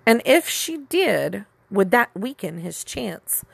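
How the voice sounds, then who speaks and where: A woman reads a novel aloud in a steady, measured storytelling voice. Her tone carries a gravelly, creaky texture at a mid pitch. The sound is close and dry, with no room around it. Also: no room sound. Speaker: audiobook narrator. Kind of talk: scripted audiobook narration.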